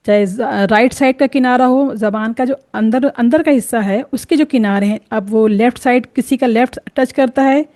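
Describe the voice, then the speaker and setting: A woman's voice: fairly high pitch, dark tone. Patient woman teaching letter sounds. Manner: patient, repeats letter sounds slowly to demonstrate. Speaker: Quran recitation teacher. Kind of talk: tajweed lesson, explaining and demonstrating letter sounds.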